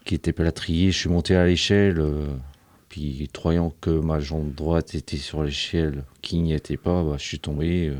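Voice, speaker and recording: A man's voice: extremely low pitch, fairly even intonation, normal speed, a little mellow, no echo. A man in his forties answering questions in a radio studio, plain and hesitant, correcting himself as he goes. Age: 40s. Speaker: interviewee. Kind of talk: radio interview.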